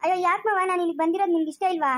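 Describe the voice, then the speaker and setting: A woman playing a timid young daughter-in-law in a homemade comedy skit, asking high, fast, pleading questions. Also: fairly even intonation. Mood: plain.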